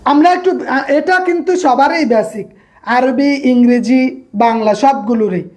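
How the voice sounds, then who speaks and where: A woman's voice: sits high, normal speed, a little mellow. A woman giving an online grammar lecture, repeating each point and quizzing the class so they echo the answers back. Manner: checks in on students by name. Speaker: grammar instructor.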